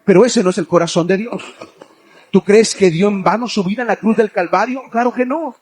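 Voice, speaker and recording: A male evangelist preaching a sermon, speaking straight to young listeners and building to forceful, near-shouted exhortation. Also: sits high, brisk, husky. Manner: addresses listeners directly as young people.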